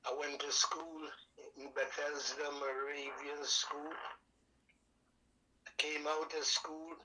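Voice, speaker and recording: Older Trini calypso man, bright forceful tone, folksy storyteller. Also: on the high side, slow, a little hiss or hum, rough recording. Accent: Trinidad and Tobago. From Trinidad and Tobago. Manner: folksy and animated, sings out sound effects. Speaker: calypso singer guest. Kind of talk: storytelling interview.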